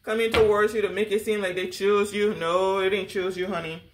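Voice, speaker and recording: A woman's voice: mid-range voice, fairly even intonation, brisk. Sassy woman giving a tarot reading. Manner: casual, sassy, calls the listener honey and baby. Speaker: tarot reader. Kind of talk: spiritual tarot reading to camera.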